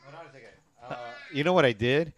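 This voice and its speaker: A man's voice: fairly high pitch, fast talker. A middle-aged man co-hosting a casual talk show, joking in slang and dropping bits of Spanish into his English. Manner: slangy, jokey, ends phrases with "eh". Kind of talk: casual chat.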